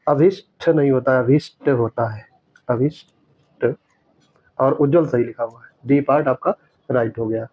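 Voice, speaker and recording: Man slowly correcting exam answers. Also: mid-range voice, dry recording. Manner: explains step by step, repeats corrected words slowly. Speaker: teacher. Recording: dry, dull lo-fi sound.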